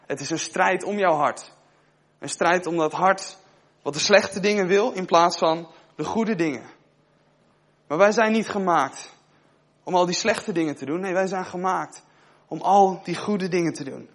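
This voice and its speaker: A man's voice: high voice, unhurried. A man preaching in a chatty way. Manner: conversational, asks the listeners questions. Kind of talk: sermon with personal story.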